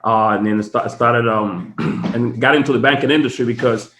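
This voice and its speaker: A man's voice: mid-range voice, normal speed, a bit bright, roomy sound. A man from the Dominican Republic, a podcast guest, telling his story in casual, chatty talk full of fillers from his home office. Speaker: guest, tax strategist.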